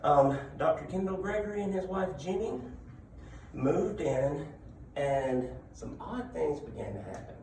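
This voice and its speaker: Male live storyteller, conversational ghost-legend talk with dramatic pauses; creaky voice, distant in a very echoey room. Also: fairly high pitch, expressive, darkish tone. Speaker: public speaker telling local ghost stories. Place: indoor room at a library talk. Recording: echoey room from afar, background noise.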